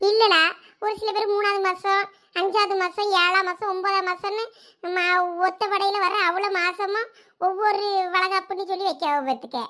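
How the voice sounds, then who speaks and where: A woman's voice: very high voice, fairly even intonation, moderate pace, bright, forceful tone. A woman acting a village family drama, scolding, teasing and fussing in a nagging way.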